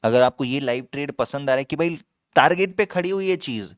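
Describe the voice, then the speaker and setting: A man's voice: medium pitch, animated, brisk, dry recording, clean studio sound. A young man giving live trading commentary as a channel host, talking in an emphatic, repetitive way and calling the viewer brother. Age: young adult.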